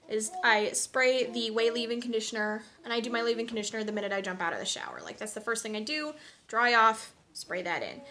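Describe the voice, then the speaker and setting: Young woman vlogger, talkative and candid, slightly high voice, relaxed product rundown. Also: a little hiss or hum. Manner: chatty, frank, many ums and asides. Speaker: beauty vlogger. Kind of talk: casual product review chat.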